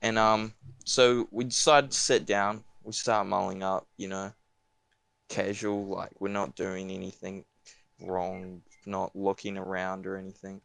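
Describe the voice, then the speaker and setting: Young man with a broad Kiwi accent, lowish voice. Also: little pitch movement, a little slow, creaky, a bit bright, clean tone, no echo. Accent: broad New Zealand. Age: young adult. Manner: slangy, sweary, laid-back. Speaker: podcast speaker. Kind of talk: casual anecdote, slangy storytelling.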